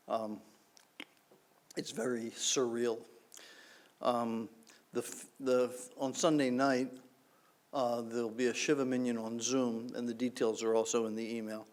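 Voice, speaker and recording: A man leading a synagogue service, reciting blessings and giving announcements in a relaxed, conversational way with many fillers. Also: medium pitch. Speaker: service leader. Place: synagogue sanctuary.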